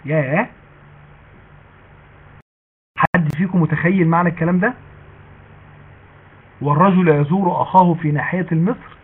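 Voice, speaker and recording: A man with an Egyptian Arabic accent giving a chatty religious lesson to women. He slows down when he recites quoted sayings. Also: high-pitched, breathy edge. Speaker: preacher teaching women. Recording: tinny phone-like recording.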